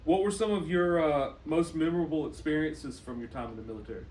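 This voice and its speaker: A man interviewing someone, asking gentle, conversational questions. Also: a little high, quick pace. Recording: roomy echo, distant mic, faint noise.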